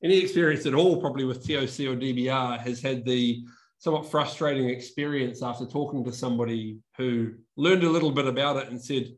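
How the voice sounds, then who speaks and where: Speaking at a little fast clip in a mid-range voice, this young man from New Zealand presents a conference talk online, his accent softened by living in Australia. Poor audio comes through his video call webcam in an indoor room with a whiteboard and brick wall. He's relaxed and talkative, frequently restarting words and chuckling at himself.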